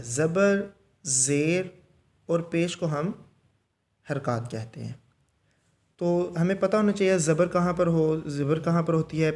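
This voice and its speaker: Pakistani guy teaching quran letters, slightly high voice, slow and calm. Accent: Pakistani Urdu. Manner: calm, patient explaining, slow drawn-out recitation of letter sounds. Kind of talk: recorded Quran reading lesson.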